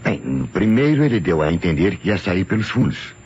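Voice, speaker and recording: This is a Brazilian-accented actor voicing a courteous doctor who testifies formally and with care in a vintage radio play, heard through muffled, noisy audio. The voice is low and darkish yet very animated, while the manner stays earnest, deliberate, and explanatory.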